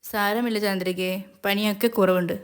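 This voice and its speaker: A gentle older mother figure calming a frightened household, as a woman storyteller reads her lines. The tone is smooth and reassuring, and it moves over a narrow, even pitch range. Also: moderate pace, natural voice. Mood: soothing. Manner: soothing, reassuring. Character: kind older grandmother figure, calm and comforting.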